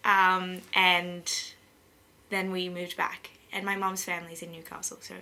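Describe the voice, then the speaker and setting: A woman's voice: fairly low pitch, level tone, a little slow, sharp tone. Giggly young Australian woman. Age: young adult. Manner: giggly, rambling, laughs often. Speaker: interviewee, college student. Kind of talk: casual interview chat.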